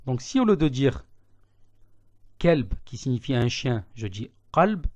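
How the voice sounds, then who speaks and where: A man giving an online language lesson, patiently repeating words slowly to contrast their sounds. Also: mid-range voice, big pitch swings. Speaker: Arabic teacher. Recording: slightly dull lo-fi audio.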